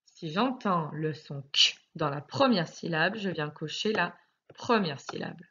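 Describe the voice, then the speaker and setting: A woman teacher with a French accent, giving a recorded phonics lesson to young children, speaking slowly and articulating every word with sing-song emphasis. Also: low voice, expressive, sharp tone, dull audio, a little hiss or hum. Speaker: primary school teacher.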